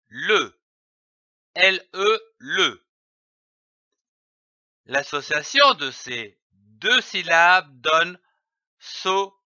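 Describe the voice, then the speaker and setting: Slow, deliberate male reading teacher. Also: a little high, bright, forceful tone, dry recording. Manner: deliberate, spells out each syllable letter by letter. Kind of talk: slow instructional reading drill. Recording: dull lo-fi dry recording.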